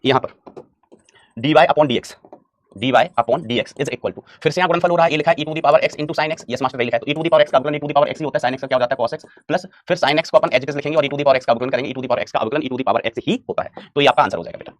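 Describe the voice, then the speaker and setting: A man teaching a live online maths class, calling students "beta" and answering his own questions. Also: mid-range voice. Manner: urges students on with rapid repetitions.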